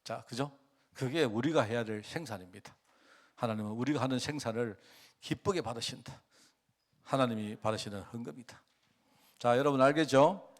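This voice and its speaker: A man preaching a sermon as pastor, talking conversationally and often asking the congregation questions, with lively swings in pitch and loudness. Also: normal speed, pauses often.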